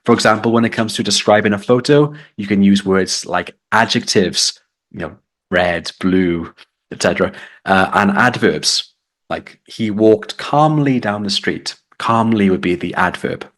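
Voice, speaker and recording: A man's voice: fairly low pitch, moderate pace, fairly bright tone. A man with a British accent giving a live online English test lesson, explaining and reading out chat comments.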